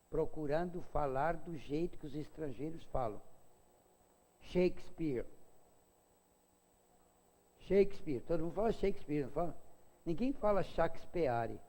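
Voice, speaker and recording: A man's voice: warm tone, big-room sound. An older man from Brazil giving a casual spiritist lecture, chatty and humorous, with asides to his audience. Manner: acts out quoted voices in a high pitch.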